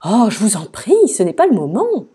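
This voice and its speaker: A woman voicing a cheerful, kindly lady in a storybook, polite and gently firm. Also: on the high side, huge pitch swings, moderate pace, husky, voice pushed up, full character voice. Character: cheerful, kindly lady who spreads happiness.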